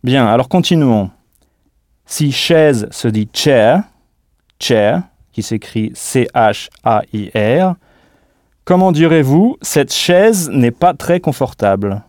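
With lively intonation and a slightly mellow, mid-range voice, this male language teacher leads a scripted audio lesson. The studio recording is dry, with no sense of a room, and he goes slowly and deliberately, spelling each word letter by letter.

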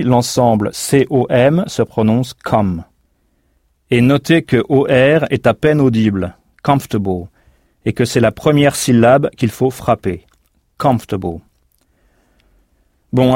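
A man's voice: medium pitch, darkish tone, dry recording, clean studio sound. A man teaching in a recorded language course, explaining patiently and spelling words out letter by letter. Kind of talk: recorded language lesson narration.

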